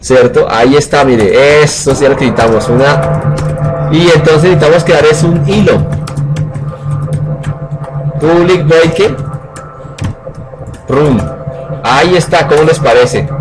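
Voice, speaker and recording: Joking programming teacher. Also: male voice, medium pitch, rough recording. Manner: joking, colloquial, asks the class questions. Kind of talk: live coding lecture.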